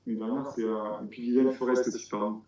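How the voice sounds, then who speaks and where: A man's voice: mid-range voice, little pitch movement, brisk, warm tone. Man from France, amateur breeder, hesitant casual talker; echoey, muffled recording. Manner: hesitant, many restarts, explains step by step. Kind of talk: casual conversational interview. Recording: roomy, dull sound.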